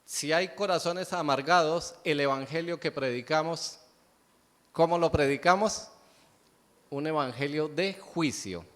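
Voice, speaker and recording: Male pastor, fairly high voice, call-and-answer sermon, echoing church hall. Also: unhurried, a bit bright. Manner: asks the congregation rhetorical questions, answers them himself. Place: church sanctuary. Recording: long church hall reverb.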